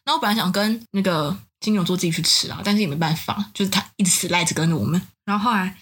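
Young woman, from Taiwan, casual storytelling, quick pace, husky tone. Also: mid-range voice. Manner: animated storytelling, acts out quoted dialogue. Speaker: podcast co-host telling a travel story. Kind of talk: casual chat.

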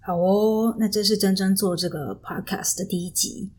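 A woman's voice: mid-range voice, fairly even intonation, normal speed, a little mellow. A young woman with a Taiwanese Mandarin accent hosting a casual solo podcast, chatting and telling stories with lots of fillers, recorded on a studio mic in a small room. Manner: chatty, storytelling with frequent fillers. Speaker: podcast host. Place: small rented room at home. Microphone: professional microphone.

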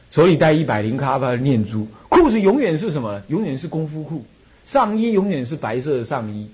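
A husky, slightly mellow man of medium pitch speaks with a Taiwanese Mandarin accent. He is a Buddhist monk and temple abbot giving a dharma talk packed with personal stories, repeating phrases and chuckling as he goes.

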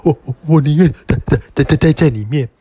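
A man's voice: medium pitch, expressive, slow pace, clear, resonant tone, no echo. A man voicing a frightened little pig that stammers and trembles in a storybook reading. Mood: scared. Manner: stammering, fearful.

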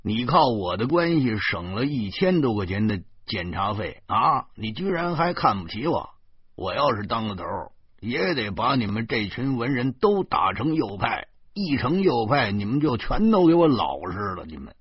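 A man's voice: mid-range voice, very animated, moderate pace, slightly rough, dry recording. A man voicing a blunt, irritable man who talks back with sneering impatience. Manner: brusque, sneering. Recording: dull lo-fi recording.

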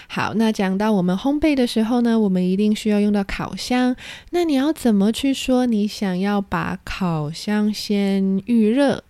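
Lady teaching english vocab, spells stuff out slow, dry close sound. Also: medium pitch, dark tone, clean tone, no echo. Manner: patient, spells words letter by letter. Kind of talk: spoken vocabulary lesson.

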